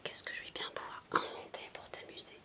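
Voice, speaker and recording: In a whispered, soft-spoken ASMR roleplay, a woman coaxes at a brisk pace, like a babysitter talking to a sulking child.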